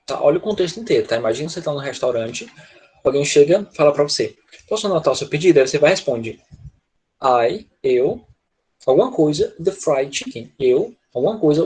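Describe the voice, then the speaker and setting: Brazilian male English teacher, slightly high, husky voice; patient explainer who keeps checking in. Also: a little mellow, low-quality recording. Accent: Brazilian Portuguese. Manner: patient, repeats "tá?" and "né?" to check understanding. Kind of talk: online class explaining grammar in Portuguese.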